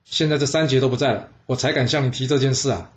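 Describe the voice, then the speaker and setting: A man voicing a shrewd ancient minister, coaxing and smoothly persuasive. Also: mid-range voice, fairly even intonation, fast, natural voice. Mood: reassuring. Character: shrewd, smooth-talking male chief minister. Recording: dull lo-fi sound.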